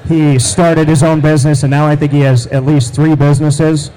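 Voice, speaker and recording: A man's voice: a little high, flat delivery, moderate pace, mellow, low-quality recording. An American man hosting a live sports show, bantering and announcing emphatically in casual talk.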